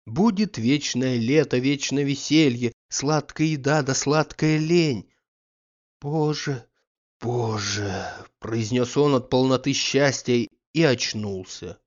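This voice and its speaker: A man narrating a classic novel in a measured, even reading style, in a slightly muffled audiobook recording. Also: mid-range voice. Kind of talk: scripted literary narration.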